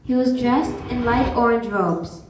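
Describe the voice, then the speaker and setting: Female storybook narrator, even read, mic far away in a reverberant hall. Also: a little high, unhurried, background noise. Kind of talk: scripted storytelling narration for a stage dance drama. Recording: echoey hall from far off, music behind.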